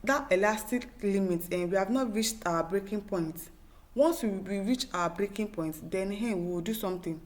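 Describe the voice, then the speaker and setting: A talk show host with a Nigerian accent reads viewer comments at a moderate pace in a mid-range voice. She delivers her opinionated news commentary emphatically and in exasperation, using repetition and rhetorical questions.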